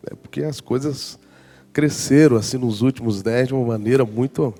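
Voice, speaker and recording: Gravelly-voiced pastor in his forties. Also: medium pitch, moderate pace, faint music behind. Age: 40s. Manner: lively storyteller acting out his own past reactions. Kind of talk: storytelling sermon. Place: church conference hall.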